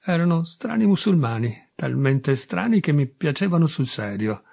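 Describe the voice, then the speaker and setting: Man narrating an audiobook, measured. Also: a little high, very animated, vocal fry, darkish tone, slightly rough. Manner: measured, first-person storytelling, dry and bitter. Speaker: audiobook reader.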